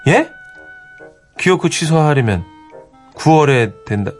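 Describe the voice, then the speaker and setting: A man's voice: a little high, very animated, slow, soft background music. A man voicing a timid, gullible brother-in-law in a radio comedy skit, stammering and panicking.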